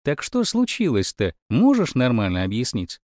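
A man voicing a calm, clever boy who reasons politely with a wry edge. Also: medium pitch, normal speed, no echo, clean studio sound. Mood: reasoning. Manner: polite, reasoning, mildly ironic.

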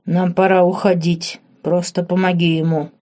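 A woman voicing a grave male spirit with a bass voice, speaking slowly from inside an old witch. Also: little pitch movement, darkish tone, close to an everyday voice.

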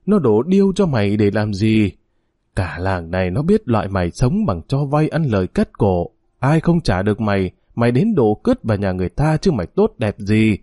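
A man voicing a sharp-tongued, scolding old grandmother. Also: lowish voice, very animated, moderate pace, no echo, studio quality. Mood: furious scolding. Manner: scolding, cursing.

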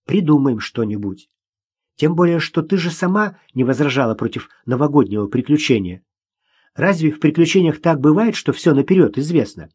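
A man voicing a young woman teacher, a gentle and worried mother who speaks softly and patiently. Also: fairly high pitch, expressive, normal speed, breathy edge, no echo. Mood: reassuring.

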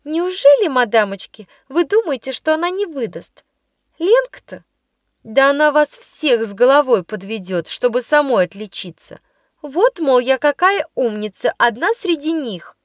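A woman's voice: high-pitched, sing-song, measured pace, dry recording, studio quality. A woman doing a sneering, spiteful schoolgirl. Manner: sneering, malicious.

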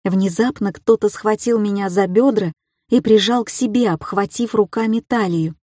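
A woman's voice: mid-range voice, normal speed, warm tone, dry recording, clean studio sound. A woman narrating a story in the first person with a tense, emotional reading. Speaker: audiobook narrator.

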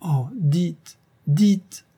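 A man's voice: mid-range voice, moderate pace, warm tone, husky, close to an everyday voice. A man reading an audiobook, voicing a proud, anxious young noblewoman in a hesitant, raised voice. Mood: eager.

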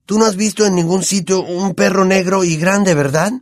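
A man's voice: high voice, normal speed, dry recording, voice pushed up, close to an everyday voice. A man voicing an anxious, superstitious teenage boy with a Latin American Spanish accent, speaking earnestly and with worry. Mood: worried, heated. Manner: earnest and worried.

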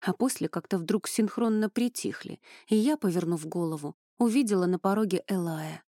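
A woman narrating a first-person fantasy audiobook in an expressive, dramatic manner. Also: on the low side, normal speed, no room sound, studio quality.

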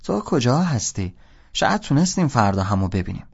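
A man's voice: medium pitch, big pitch swings, creaky, darkish tone, husky, full character voice. A man voicing an adult woman woken late at night, curt and suspicious at first. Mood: polite. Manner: curt, suspicious, then flirtatious. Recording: dull lo-fi audio.

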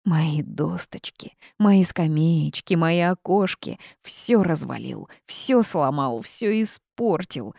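A woman's voice: low-pitched, animated, vocal fry, dark tone, no echo, clean studio sound, exaggerated voice. Woman voicing a grumbling melodramatic phoenix. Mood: wailing. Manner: grumbling, wailing, drawn-out complaints. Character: grumpy male phoenix, theatrical and rude. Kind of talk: audiobook character voice.

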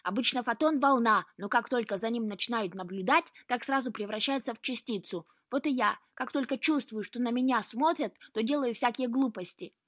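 A woman's voice: a little high, brisk, few pauses, a bit bright, no echo, studio quality, pitched above the performer's own voice. A woman voicing a fussy, easily startled male house cat who grumbles and complains, in a storybook reading. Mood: whiny, fussy.

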